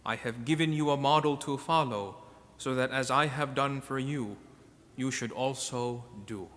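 A man who is a priest, reading the Gospel and preaching in a measured, solemn way, his voice carrying a cathedral echo through a large church. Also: medium pitch, a bit bright. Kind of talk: liturgical reading and homily. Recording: long church reverb in a large hall.

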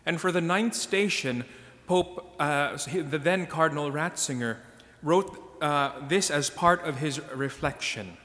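A priest, a man, reads scripture and preaches in a measured, solemn manner, his voice pitched a little high for a man. Every phrase rings out in a cathedral echo as it trails off through the large church. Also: sharp tone. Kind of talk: liturgical reading and homily. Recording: long church reverb in a large hall.

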